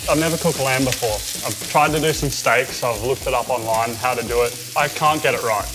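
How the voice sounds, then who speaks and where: A man's voice: mid-range voice, a little fast, background noise. A young Australian man, a guest on a cooking show, chatting in a laid-back, easygoing and joking way. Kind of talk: casual chat. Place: studio kitchen. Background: background music, sizzling pan.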